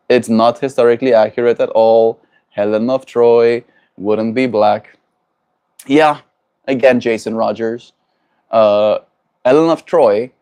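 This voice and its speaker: On his informal livestream, a man from South Africa reflects aloud while responding to viewers, regularly closing his thoughts with tag questions. His voice is medium in pitch and dark in tone.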